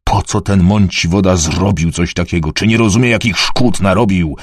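A man's voice: low-pitched, normal speed, breathy edge, no room sound, clean studio sound. A man reading an audiobook, voicing a terrified male peasant who speaks in a panicky, rising voice.

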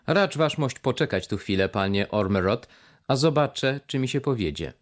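A man's voice: medium pitch, animated, normal speed, pitched above the performer's own voice, lightly acted. A man voicing a wheedling, overly polite one-legged pirate with a crutch, reading an audiobook. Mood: obliging.

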